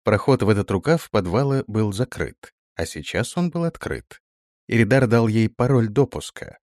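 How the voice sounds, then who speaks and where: A male narrator reads a fantasy audiobook, rising and falling a great deal as he tells it. His voice sits fairly low, and the recording is dry and close. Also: normal speed, no echo. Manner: expressive, voices every character. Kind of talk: audiobook reading.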